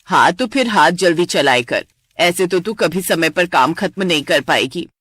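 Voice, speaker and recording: A woman's voice: lowish voice, expressive, moderate pace, a bit bright, slightly rough, pitched below the performer's own voice. A woman voicing a stern middle-aged mother-in-law who nags and orders her daughter-in-law around. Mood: scolding. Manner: nagging, commanding. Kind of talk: animated story voice acting.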